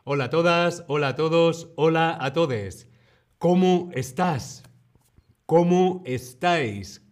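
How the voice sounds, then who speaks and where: A man's voice: a little high, slow pace. A man from Spain with a Spanish accent, teaching a live-streamed language lesson. He greets viewers eagerly, then explains patiently and repeats his examples.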